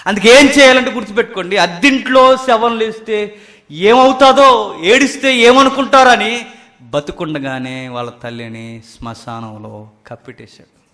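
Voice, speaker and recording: Guy preaching a sermon, pretty high voice, goes loud then drops to a whisper. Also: normal speed. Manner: emphatic, swinging between loud cries and hushed near-whispers.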